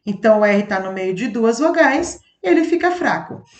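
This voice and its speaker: A woman's voice: on the high side, expressive, moderate pace, a little mellow. A woman teaching a phonics lesson, stretching out each example word and spelling it out with careful enunciation. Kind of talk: slow classroom phonics lesson. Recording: echoey room.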